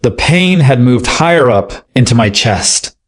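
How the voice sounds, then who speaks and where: A man narrates a dramatic story in a steady, measured reading voice. His pitch sits in an ordinary middle register, and he keeps the telling scripted and even.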